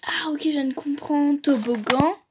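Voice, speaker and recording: Young female vlogger, fairly high voice, chatty and joking, drifts into mumbles. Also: a little slow, a little hiss or hum. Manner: chatty, reads aloud and jokes, trails off into mumbles. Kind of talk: casual vlog commentary.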